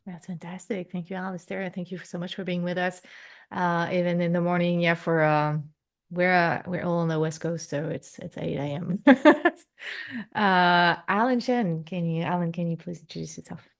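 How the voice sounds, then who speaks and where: Woman hosting a video call meetup, lowish voice with some gravel, friendly and full of fillers. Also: fairly even intonation, normal speed. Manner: friendly, filler-heavy speech. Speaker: host, game UX consultant. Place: at home, on the US West Coast.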